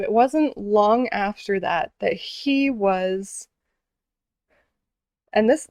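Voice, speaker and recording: Gravelly-voiced woman telling a story. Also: medium pitch, darkish tone, no echo. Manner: earnest, with many fillers and restarts. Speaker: vlogger telling stories. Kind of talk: casual storytelling.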